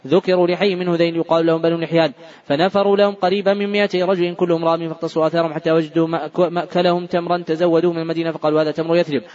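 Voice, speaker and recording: A man's voice: on the high side, level tone, a little mellow, dull audio. Man reciting hadith at racing speed. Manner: very fast reading, restarts on stumbled words. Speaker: hadith reader. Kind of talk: rapid recitation of hadith text. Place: large mosque.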